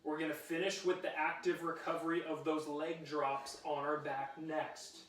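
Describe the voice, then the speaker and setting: Male fitness instructor, high voice, upbeat and encouraging, calls countdowns, recorded from a distance. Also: little pitch movement, normal speed, fairly bright tone. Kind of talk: live workout coaching with countdown cues. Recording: roomy sound, mic at a distance.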